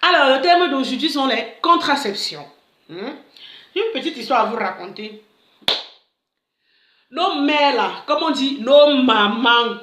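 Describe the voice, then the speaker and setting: A woman's voice: high-pitched, roomy sound. A woman, a life coach, telling a personal story in a casual vlog and acting out the dialogue. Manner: animated, acts out dialogue, many interjections.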